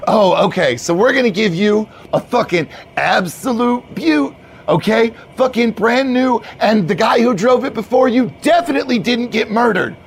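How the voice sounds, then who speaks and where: Brief: man voicing a hyped young bro manager, shouting, profane, high and gravelly. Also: lively intonation, moderate pace, a little hiss or hum, full character voice. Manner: shouting, swearing, manic enthusiasm. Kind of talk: tabletop role-play character voice.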